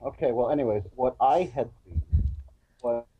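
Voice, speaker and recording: A man co-hosting a casual chat, blunt, argumentative and quick to swear. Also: mid-range voice, a little hiss or hum. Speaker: co-host. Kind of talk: casual chat with call-ins. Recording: tinny phone-like call line.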